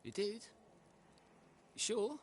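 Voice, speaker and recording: A man playing a nervous, secretive villager in a video game, halting and deferential as he speaks. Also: high voice, slight background noise. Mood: uneasy, confessing.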